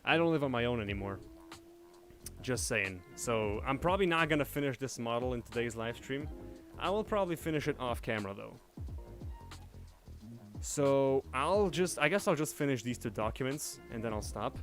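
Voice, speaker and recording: A young man from Indonesia chats casually as he works, muttering each step half to himself at an ordinary middle pitch. He speaks from a room at home. Faint music plays underneath his voice. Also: lively intonation, moderate pace, a bit bright. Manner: thinks aloud, muttering steps as he works. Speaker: livestreaming 3D artist. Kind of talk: casual livestream narration while working. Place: home room shared with family.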